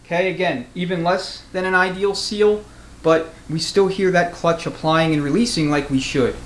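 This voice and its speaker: This high-pitched man speaks at normal speed, giving a matter-of-fact, conversational hands-on lesson as a transmission mechanic and instructor. The setting is an indoor garage workshop, and the audio is echoey with clear background noise.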